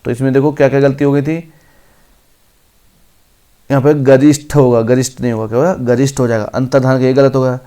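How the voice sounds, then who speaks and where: Male teacher, exam-prep grammar lesson, slow read-outs then corrections, mid-pitched voice. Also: level tone, mellow, clean tone. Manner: reads each option aloud slowly, then corrects it.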